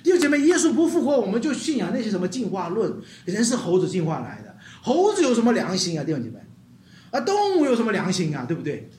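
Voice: medium pitch, huge pitch swings, fast, darkish tone, slight background noise. A pastor preaching with emphatic rhetorical questions and calls for the congregation to repeat after them. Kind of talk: sermon. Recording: roomy hall sound with faint guitar.

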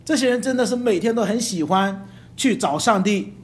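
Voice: mid-range voice, expressive, moderate pace. A preacher giving an emphatic sermon, often asking the listeners rhetorical questions and dropping English terms into the talk.

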